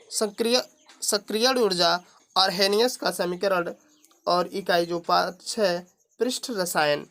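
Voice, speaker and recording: Teacher reading out a syllabus list. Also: male voice, sits high, fairly bright tone. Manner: reads through a long list item by item, adding brief remarks.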